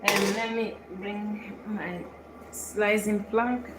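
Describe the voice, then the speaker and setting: A woman's voice: medium pitch, steady tone, extremely slow, roomy sound, noisy background. A woman from Belgium hosting a live cooking show, chatting and explaining each step as she works in her kitchen. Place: home kitchen.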